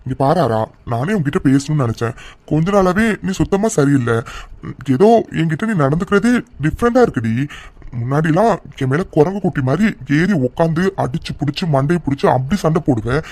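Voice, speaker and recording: A man's voice: fairly high pitch, expressive, fairly quick, a little mellow, no echo. Man voicing Guru, coaxing young man. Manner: coaxing, teasing, insistent questions. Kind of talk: cartoon voice acting.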